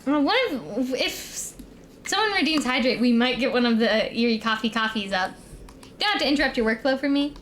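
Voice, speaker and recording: High-pitched, cute anime-streamer young woman. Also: lively intonation, a little fast, fairly bright tone, a little hiss or hum. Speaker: streamer and co-host. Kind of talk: casual livestream chat.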